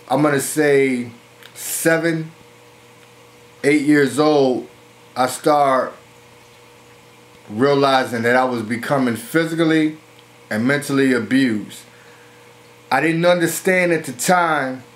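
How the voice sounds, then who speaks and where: A middle-aged man, telling his own life story in a slow, earnest way. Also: on the high side. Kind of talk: personal testimony.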